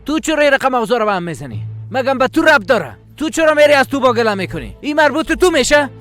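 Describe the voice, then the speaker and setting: A man's voice: mid-range voice, lively intonation, fairly bright tone, soft background music, lightly acted. Man dubbing hot-tempered young Kamal. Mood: shouting. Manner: confrontational, repeats demands to speak plainly.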